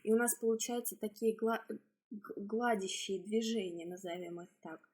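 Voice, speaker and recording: A woman speech therapist with a medium-pitched, slightly husky, a little mellow voice explains exercises step by step, her instructional delivery halting.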